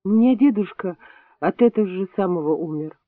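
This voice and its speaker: A man's voice: high-pitched, brisk, dry recording, natural voice. Man doing a tearful young girl. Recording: dry, tinny phone-like sound.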